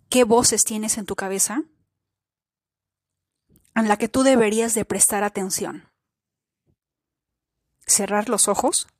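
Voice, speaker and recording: In a clean studio recording with no room sound, a mid-range-voiced woman hosts a spiritual self-help podcast. Her talk is earnest and reflective, filled with rhetorical questions aimed at the listener.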